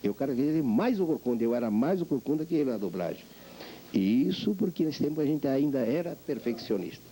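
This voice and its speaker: An older man, a veteran voice actor, being interviewed and telling animated stories about his craft. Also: mid-range voice, brisk, poor audio. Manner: animated storyteller, acts out voices. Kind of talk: reflective interview talk.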